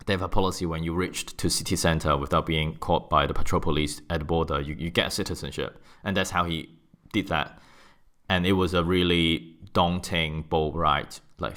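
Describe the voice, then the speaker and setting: A Hong Kong man in his thirties with a Hong Kong accent answers interview questions as a guest in an office. His low, bright, forceful voice is smooth, and he responds thoughtfully, often restarting sentences and using fillers.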